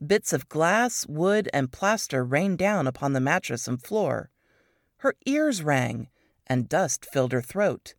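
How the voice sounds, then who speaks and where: A woman narrating an excerpt from a wartime novel in an expressive storytelling manner. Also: slow, no echo, clean studio sound. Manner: expressive storytelling, swooping pitch. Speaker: reader of a book excerpt. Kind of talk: scripted narration.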